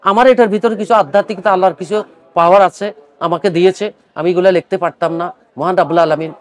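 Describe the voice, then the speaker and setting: High-voiced older poet, earnest. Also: male voice, fairly even intonation, very fast, no echo. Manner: earnest, pleading; mixes English words into speech. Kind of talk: speaking to camera at a book fair; poetry recitation.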